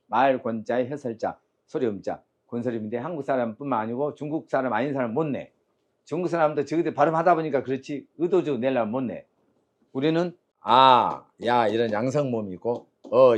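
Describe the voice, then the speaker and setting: A man's voice: mid-range voice, a little mellow. A man teaching Chinese characters and tones, quizzing his students and drilling sounds aloud in a call-and-response lecture.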